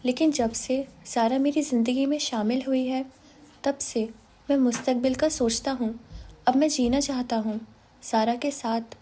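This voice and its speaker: A woman reading an audiobook, voicing a calm young man who speaks softly and tenderly. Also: extremely high pitch, a little hiss or hum. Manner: calm, soft-spoken.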